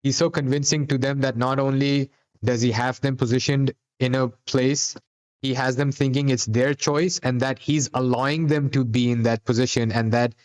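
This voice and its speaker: Man, podcast co-host, casual recap chat, rambling, lots of restarts, mid pitch. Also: steady tone, normal speed. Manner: rambling, many fillers and restarts.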